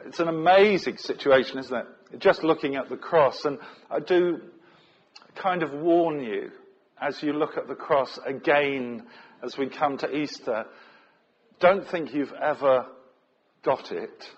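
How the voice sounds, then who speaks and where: A man's voice: fairly high pitch, unhurried, breathy edge. A man preaching a sermon in an earnest, conversational way, asking rhetorical questions. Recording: dull lo-fi recording.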